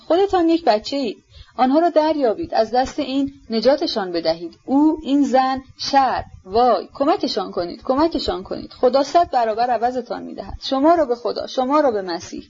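A man's voice: extremely high pitch, lively intonation, darkish tone, husky, voice pushed up, exaggerated voice. A woman voicing a despairing young man dying of consumption, pleading and self-pitying, in an audiobook reading on a dull lo-fi recording.

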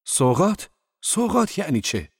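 Educated boss, mock-stern and sarcastic, a male reader voicing him; low voice pushed up, dry audiobook sound. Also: expressive, no echo. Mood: mock-angry.

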